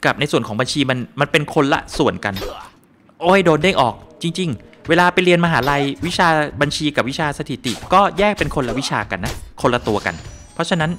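A live-stream gameplay commentator keeps things animated and joking, laughing, exclaiming frequently and thanking viewers for their donations. He speaks briskly in a fairly high voice over slight background noise.

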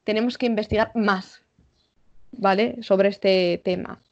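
A woman's voice: medium pitch, fairly even intonation. Woman, spanish accent, english teacher, online class, slightly dull audio. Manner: switches between Spanish and English, frequent "vale?" check-ins; slows down to model English examples. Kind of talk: online exam-prep class.

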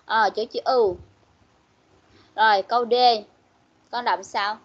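Slow, patient woman teaching online. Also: mid-range voice, fairly even intonation. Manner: patient, coaxing, repeats words slowly for pupils. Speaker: English teacher. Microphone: video call. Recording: muffled online-call audio.

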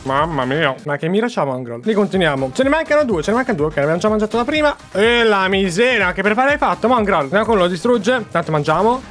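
Young Italian male streamer, bright high voice, chatty and excitable, over faint music. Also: quick pace, hardly any pauses. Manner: animated, chatty, addresses viewers as "ragazzi". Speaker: gaming YouTuber. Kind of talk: excited gameplay commentary. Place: home gaming room.

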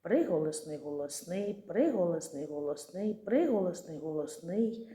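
A woman teaching young children a speech lesson, patient and slow, drawing out and chanting words syllable by syllable. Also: on the low side, lively intonation, warm tone, reverberant.

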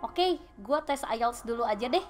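A woman in her late twenties with a Sundanese-tinged Indonesian accent, a podcast guest telling her story in lively casual chat and mixing in English phrases. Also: a little high, normal speed, faint music behind. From Bandung, Indonesia.

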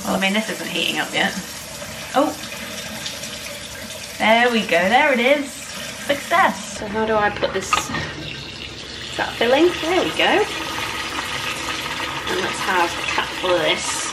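Speaking slowly and pausing often, a young northern English woman chats to camera in a very animated, medium-pitched voice, teasing herself in a casual vlog. She's in the bare rooms of an empty house, so everything echoes like a cave, with faint noise in the recording.

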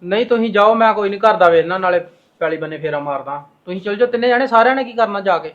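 A man's voice: sits high, rapid-fire, dull audio, close to an everyday voice. A man playing a touchy, stubborn younger son in a family drama, arguing and sulking. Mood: sullen. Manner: argumentative, sulky. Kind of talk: Punjabi family drama acting.

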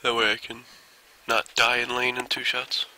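A man's voice: medium pitch, monotone, normal speed, noisy background. A young man chatting dryly over voice chat during a team game. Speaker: gamer on voice chat.

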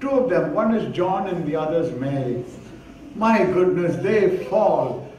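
A man with a high voice preaches slowly and deliberately, telling an animated story. He punctuates it with repeated exclamations. The sound comes from a distant mic in a strongly echoing hall with faint noise. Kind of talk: sermon.

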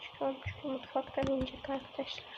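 A woman's voice: high-pitched, completely flat delivery, brisk. A woman giving casual let's-play commentary to her viewers, often dropping to a whisper while she sneaks around. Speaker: gaming channel host. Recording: lo-fi with clear background noise.

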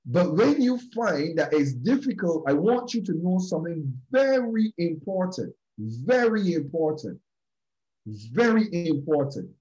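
On a video call, a man with a Barbadian accent gives a preachy motivational talk to a group, repeating key phrases and speaking straight to his listeners. His voice is fairly high and a little mellow, and the sound is lo-fi.

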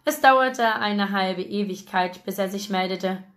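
A woman reading a novel aloud in a lively, expressive audiobook narration. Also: mid-range voice, unhurried. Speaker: audiobook reader.

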